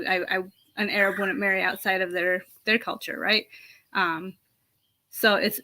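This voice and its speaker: Young adult American woman, clear bright tone, reflective storyteller, halting with fillers. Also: on the low side. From United States. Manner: reflective, hesitant with frequent ums and restarts. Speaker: panel speaker. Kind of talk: personal storytelling.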